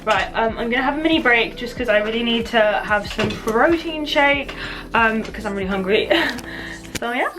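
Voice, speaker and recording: A woman's voice: on the high side, moderate pace, music in the background, rough recording. A woman vlogging casually about her routine, chatty and informal with self-deprecating asides. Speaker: beauty vlogger.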